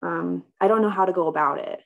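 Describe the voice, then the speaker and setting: A woman's voice: lowish voice, fast, vocal fry, narrow, tinny audio. A woman speaking as a client in a counseling role-play, talking hesitantly and with self-doubt about herself.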